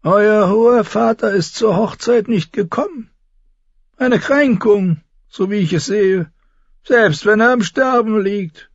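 A man voicing a scheming, spiteful old lord in an audiobook, with a shrill, gravelly cackle and a sneering, taunting manner. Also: slow pace, no room sound, dull audio, full character voice. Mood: mocking. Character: scheming ancient male lord, spiteful and mocking. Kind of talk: audiobook character voice.

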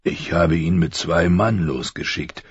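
A man voicing a stern, weary old military commander with a deep, gravelly voice. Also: a little slow, no echo, highs cut off.

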